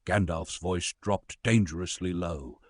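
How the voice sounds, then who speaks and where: A man narrating a storybook tale in a lively, dramatic reading. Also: low voice, measured pace, breathy edge, no echo.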